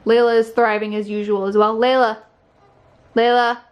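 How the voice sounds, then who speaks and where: A young woman chatting excitedly in a casual home vlog, gasping and giggling as she talks. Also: on the high side, moderate pace, clear, resonant tone. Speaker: vlogger. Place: home, indoors.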